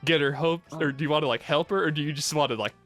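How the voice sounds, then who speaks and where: A man's voice: a little high, fast talker, a bit bright, soft background music. A man in casual gaming chat, laughing often and guiding the others' choices. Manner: laughing, chatty, hesitant fillers.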